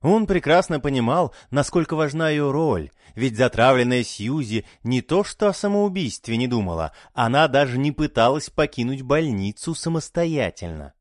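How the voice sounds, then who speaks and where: A male narrator reading a dark audiobook. His delivery is lively and expressive, with plenty of pitch movement. The recording is dry and close. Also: moderate pace, hardly any pauses, no echo.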